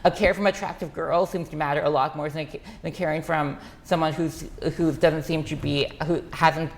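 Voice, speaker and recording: A man speaking as a guest in a relaxed podcast conversation. His words come out quickly and in bursts. He restarts his phrases, drops them halfway and fills gaps with "um" and "like.". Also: fairly high pitch. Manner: rapid, halting, many restarts and fillers. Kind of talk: casual conversation.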